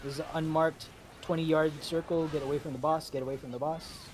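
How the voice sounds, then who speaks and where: A man leading a game raid, calling out instructions briskly, repeating commands and slipping in joking asides. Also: on the high side, fairly even intonation, darkish tone, slight background noise. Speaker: raid leader. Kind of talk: calling instructions over voice chat while gaming.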